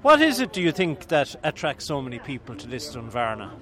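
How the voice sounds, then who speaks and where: A man's voice: mid-range voice, wildly swooping pitch, fairly quick, fairly bright tone. A man working as a community radio presenter, interviewing people outdoors at a festival. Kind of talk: outdoor vox-pop interviewing. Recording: music behind, outdoor street location. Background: music.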